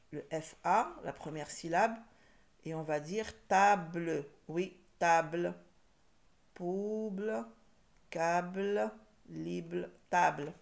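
A woman giving a phonics lesson, speaking at an unhurried, careful pace. Her voice sits a little low, and she repeats each word so her learners can follow. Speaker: teacher. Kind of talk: French spelling and phonics lesson.

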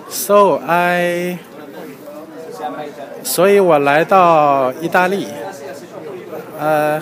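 A man in his forties from China, hesitant and slow, speaking on camera outdoors. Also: fairly high pitch. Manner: slow, hesitant English then Mandarin. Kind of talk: short on-camera statement. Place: outdoors by a building. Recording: outdoors with people around.

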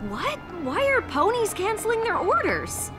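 An earnest young female cartoon pony, caring and easily indignant. The voice is very high and lively in pitch, articulate, with soundtrack music underneath. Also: unhurried, full character voice. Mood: concerned. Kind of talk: animated cartoon acting.

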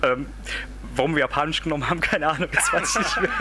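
A man in his thirties, a band's singer, telling stories in a relaxed, rambling way during a casual interview in a club's backstage room. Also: fairly high pitch, quick pace, loud music behind the voice. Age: 30s. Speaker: band singer. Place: backstage room of a music club. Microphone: handheld interview mic.

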